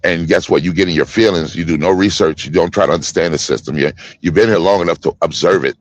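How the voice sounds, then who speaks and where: A man in his fifties talking forcefully in a heated panel discussion, preaching in street slang. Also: deep voice, quick pace, slight background noise. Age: 50s. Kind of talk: heated casual panel talk.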